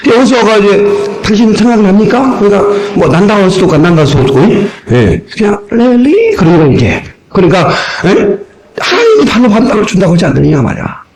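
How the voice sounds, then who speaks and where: A male pastor delivers a sermon from an old cassette tape recording, his voice sitting a bit high for a man. He preaches in an animated way, with a lively, swinging pitch that jumps between quiet asides and raised, shouted lines. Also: quick pace, poor audio. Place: church sanctuary.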